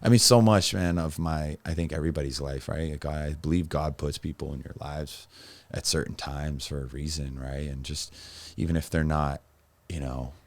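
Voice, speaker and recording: A young adult man, a podcast guest, telling his personal story in a rambling, halting way with many restarts. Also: very deep voice, steady tone, dry recording.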